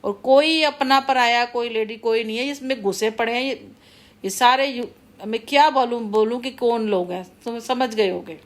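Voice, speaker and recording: A middle-aged woman speaks to her viewers in a loose, unscripted monologue. Her voice sits a little high, and she scolds, rambles and circles back to the same warnings again and again. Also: normal speed. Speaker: vlogger. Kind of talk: casual monologue to camera.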